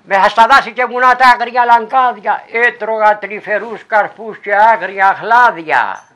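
Μια γυναίκα με ροδίτικη προφορά παίζει ένα τρυφερό κορίτσι που μεγάλωσε με τα ελάφια και μιλά ρυθμικά, σαν τραγουδιστά. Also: female voice, medium pitch, fairly bright tone, lo-fi sound, voice pushed up, natural voice. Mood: gentle, earnest. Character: young girl raised by deer, gentle.

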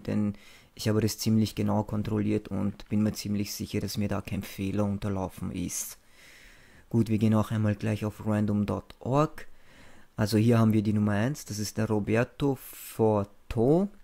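A man's voice: on the low side, gravelly, warm tone. A young man narrating a screencast in a casual, informal and matter-of-fact way, as the host of a video channel.

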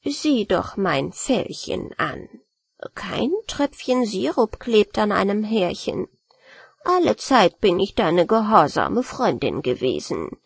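A woman's voice: medium pitch, big pitch swings, takes it slowly, vocal fry, slightly rough, dry recording, exaggerated voice. A woman voicing a cheeky, clever female rat who answers coolly and innocently in a storybook. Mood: sly innocent. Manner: cool, innocent, mocking.

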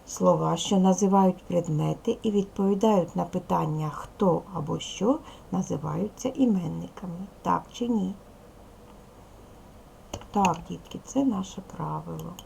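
A woman teacher giving a video lesson to young children, speaking slowly and clearly, asking them questions patiently. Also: fairly low pitch, mellow, slight background noise, poor audio. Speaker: primary school teacher.

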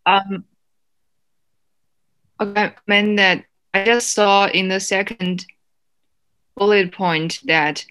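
A student speaks slowly and hesitantly into a video call, pausing on fillers. The connection keeps breaking up, so the words drop out in places. The voice sits at a middling pitch. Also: bright, forceful tone. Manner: hesitant, halting, with many ums. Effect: video call audio breaking up and dropping out. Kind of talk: asking questions in an online lecture.

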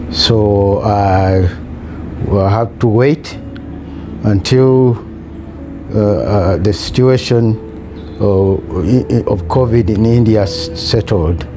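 A middle-aged man from Kenya with a Kenyan accent, giving a personal account in a halting, hesitant way with long pauses. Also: fairly low pitch, noisy background. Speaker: patient giving a testimonial. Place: small hospital room, in bed. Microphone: lapel mic. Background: music.

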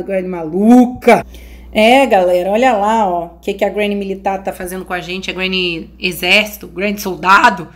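A Brazilian woman hosting a gaming channel, giving chatty let's-play commentary straight to her viewers with frightened exclamations. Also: mid-range voice.

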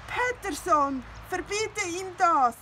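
A woman voicing a grumpy, jealous little male cat who talks in a sulky, whiny, loud way, reading a storybook aloud. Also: high voice, very animated, slow, slight background noise, voice pushed up, heavily acted.

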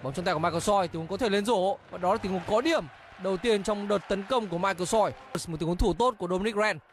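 A man's voice: high voice, fast talker. A man giving live play-by-play commentary on a basketball game, calling out players and scores one after another. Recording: commentary over loud arena noise.

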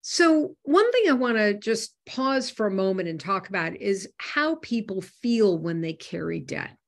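A woman's voice: medium pitch, expressive, measured pace, vocal fry. Chatty woman with many fillers. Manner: conversational with frequent fillers and restarts. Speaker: host. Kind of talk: webinar talk on personal finance.

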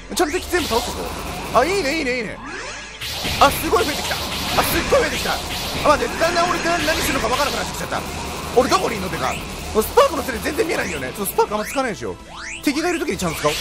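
An excitable man fires off game commentary at a rapid clip, his high voice swinging up and down in an animated way. He teases and yells at the screen over loud game music. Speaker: let's play commentator.

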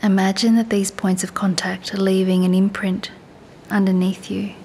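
Softly rumbling background noise accompanies a woman, a meditation and yoga teacher, as she calmly guides a body scan meditation, unhurried and soothing, with long pauses.

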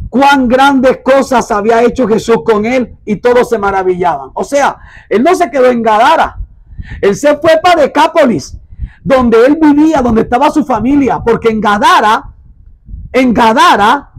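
A man with a very high voice preaches a sermon. He reads scripture aloud and tells his listeners to mark it in their Bibles. He repeats phrases emphatically and slows down to stress words. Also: low-quality recording.

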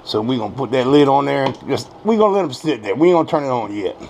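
Standing at the stove in a small home kitchen, an American man presents a recipe in a casual, folksy, salty-tongued way, often repeating himself. He talks fast with lively intonation in a medium, slightly mellow voice, amid clear sounds of frying, stirring, clinking dishes, and clattering utensils.

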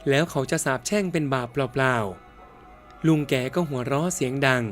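A man narrates a ghost story in the first person, with a mid-range voice that is neither high nor low. His delivery is steady and even. Soft music and crickets sit quietly behind him. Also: moderate pace.

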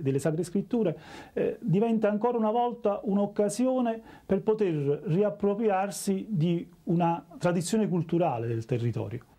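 A man, a publisher answering haltingly in an interview. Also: on the high side, warm tone. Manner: halting, repeats words while reasoning. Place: small office, indoors, seated.

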